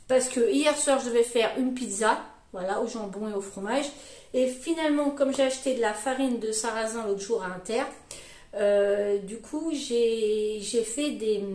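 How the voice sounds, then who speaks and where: A middle-aged woman chatting casually to camera about her groceries, rambling with fillers and restarts, her voice shrill at times. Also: reverberant. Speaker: vlogger. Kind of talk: casual grocery haul chat.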